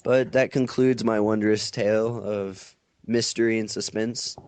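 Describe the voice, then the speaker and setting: A man's voice: lowish voice, fairly even intonation, unhurried, darkish tone, no echo. A man co-hosting a podcast, animatedly retelling a story and acting out the quotes. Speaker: podcast co-host. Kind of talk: casual storytelling.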